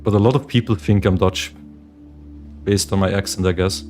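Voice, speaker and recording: A young day trader from Switzerland hosts a laid-back livestream, chatting with viewers and reading their chat questions aloud. Meditation music plays in the background. He speaks at a moderate pace in a low-pitched, darkish voice with fairly even intonation.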